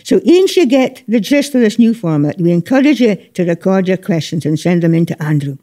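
A woman hosting radio in a broad Scottish accent. Her voice is mellow and rounded. She chats and banters easily, dropping in Scots words as she presents. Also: lowish voice, animated, a little fast. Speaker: radio host. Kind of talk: chatty gardening programme presenting.

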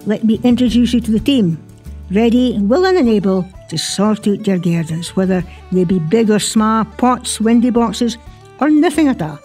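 A woman's voice: mid-range voice, animated, normal speed, mellow, husky, faint music behind. A woman with a broad Scottish accent presenting a gardening radio show informally and chattily, sprinkling in Scots words.

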